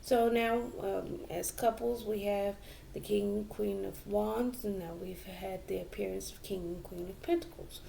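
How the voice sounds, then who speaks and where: A woman giving a tarot reading to viewers, slow and reflective, with many fillers and restarts. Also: mid-range voice, fairly even intonation, gravelly, mellow, a little hiss or hum. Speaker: tarot reader.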